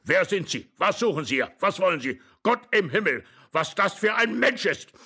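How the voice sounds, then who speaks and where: An actor voicing an excitable older husband who shouts hoarsely and fusses in agitation. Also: male voice, medium pitch, moderate pace. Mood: agitated. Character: flustered old husband, excitable, fussy.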